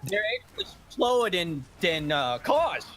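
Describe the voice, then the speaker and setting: A man's voice: a little high, big pitch swings, measured pace, fairly bright tone. A man playing Scout, a brash, cocky young male mercenary who wisecracks and acts mock-offended. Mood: boastful. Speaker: character guest on charity stream.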